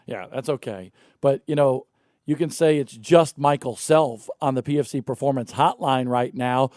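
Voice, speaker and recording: A man's voice: medium pitch, normal speed, darkish tone, dry recording, studio quality. A man hosting a casual morning show about racing, chatting and joking with his co-host and a guest driver.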